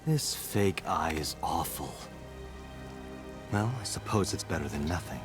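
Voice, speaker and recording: A man acting a gruff, excitable detective in a video game, with a gravelly voice. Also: extremely low pitch, a little slow. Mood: dry, grudging. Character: gruff, excitable adult male detective with artificial eye. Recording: game music behind the voice.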